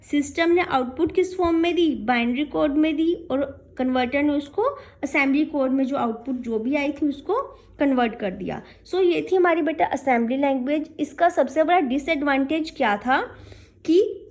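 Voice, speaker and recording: A high-pitched woman with a darkish tone teaches programming in lecture form. Questions she poses are answered by her own explanations, sprinkled with check-in tags and English technical terms.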